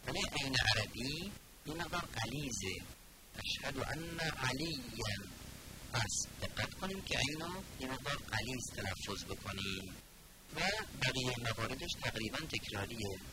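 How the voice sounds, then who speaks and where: A man teaching the pronunciation of recited phrases, explaining calmly, then chanting each phrase slowly and drawn out for students to repeat. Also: medium pitch. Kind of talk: recorded lesson on reciting the call to prayer. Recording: loud background noise.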